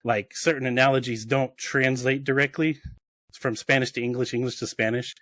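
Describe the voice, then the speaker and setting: On a podcast call, a man with a medium-pitched, fairly even voice talks at normal speed in a dry recording. He's chatting casually and telling rambling stories, restarting often and laughing at his own jokes.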